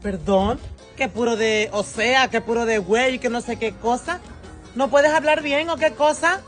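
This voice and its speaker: Comedy role: affected young woman, as a man puts her on, slow drawl, lower than usual, soft music behind. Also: steady tone. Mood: dismissive. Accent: put-on Mexico City slang. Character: young village woman back from the capital, snobbish. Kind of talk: comedy sketch acting.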